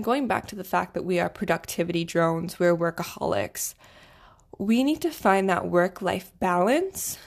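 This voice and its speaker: A woman's voice: mid-range voice, creaky. A young adult woman hosting a solo self-help podcast, giving advice in a tidy, organised way. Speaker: podcast host.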